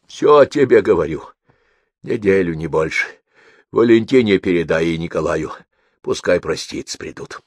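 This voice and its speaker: A man voicing a foul-mouthed old man in his eighties on his deathbed, gruff and short of breath. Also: low-pitched, animated, moderate pace, no echo. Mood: grim.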